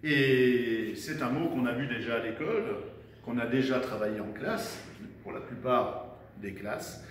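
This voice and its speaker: Man, schoolteacher, lively storytelling delivery, slow syllable-by-syllable speech, echoey distant recording. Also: mid-range voice. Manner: animated storytelling tone, personifying letters. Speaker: primary school teacher. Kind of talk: online dictation lesson for children. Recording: echoey room, voice from afar, faint noise.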